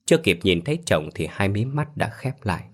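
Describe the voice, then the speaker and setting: A man with a deep, low voice narrates a scripted ghost story. His reading is steady and even, with no rush. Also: brisk.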